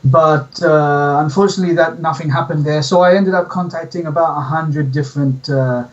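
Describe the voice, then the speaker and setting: Man, interview guest, relaxed storyteller, dull distant sound. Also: on the high side, normal speed. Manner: relaxed storytelling, says "yeah?". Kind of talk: casual interview.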